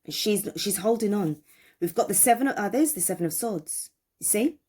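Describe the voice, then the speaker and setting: A woman's voice: medium pitch, animated, fairly quick, darkish tone, slightly rough. A woman giving a tarot reading, talking emphatically, repeating phrases and asking viewers questions. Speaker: tarot reader.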